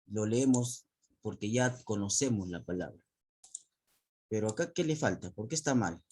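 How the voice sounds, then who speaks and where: A man's voice: on the low side, normal speed, mellow, breathy edge. A man teacher explaining to a class over a video call, often repeating words, restarting phrases and asking questions.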